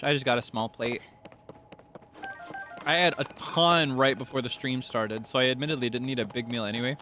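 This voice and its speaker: A man's voice: medium pitch, sharp tone. A man livestreaming a game, chatting casually and playfully with his viewers. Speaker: livestreamer, VTuber. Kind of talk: casual gaming livestream chat. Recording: music behind the voice. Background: game music.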